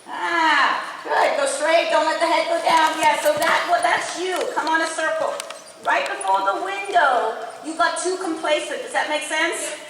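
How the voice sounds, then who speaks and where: Brisk high-voiced woman riding coach, echoey arena. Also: a bit bright. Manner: brisk projected riding commands; encouraging, frequent short praise. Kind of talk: live riding lesson commentary. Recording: echoey hall, distant mic, faint noise.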